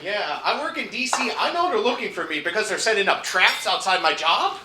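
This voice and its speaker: A young man from upstate New York doing a stand-up comedy set, trading wry deadpan asides for loud punchlines. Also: high-pitched, a little fast. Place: comedy club at a resort. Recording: roomy club stage mic.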